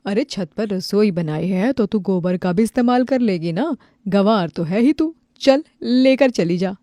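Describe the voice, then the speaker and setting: A woman's voice: mid-range voice, animated, a little slow, warm tone, no echo, clean studio sound, close to an everyday voice. A woman playing a taunting nosy neighbour.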